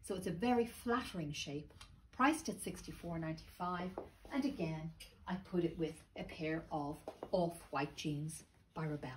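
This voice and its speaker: A middle-aged woman with a slightly thick, sore-throat voice, giving a casual sales presentation to camera. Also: on the low side. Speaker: boutique presenter. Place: small clothing boutique, indoors. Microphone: phone camera a few metres away. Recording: steady background shop noise, phone video.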